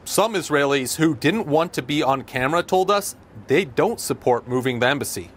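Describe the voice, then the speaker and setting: A man delivering a field news report as a foreign correspondent, speaking outdoors in measured, formal tones. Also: a little high, animated, slight background noise. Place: outdoors on a city street.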